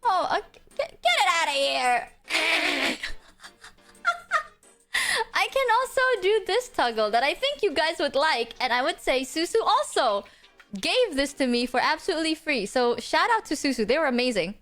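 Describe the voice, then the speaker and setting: Very animated and fairly bright, this woman's high voice moves at normal speed while soft music plays in the background. As host of a casual live stream, she talks to viewers in a cute, teasing anime-streamer manner, giggling and exclaiming.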